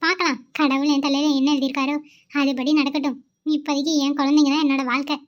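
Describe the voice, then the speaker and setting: A woman's voice: high-pitched, level tone, quick pace, highs cut off, close to an everyday voice. A young woman voicing a caring, polite young woman in a cartoon who looks after children and soothes others. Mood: gentle. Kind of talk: cartoon voice acting.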